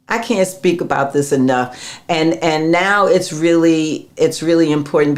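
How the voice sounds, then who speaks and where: Slow, low-voiced chatty woman host. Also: a little mellow. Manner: chatty, answers viewer comments with laughter. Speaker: host and fitness coach. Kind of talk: casual live-stream advice.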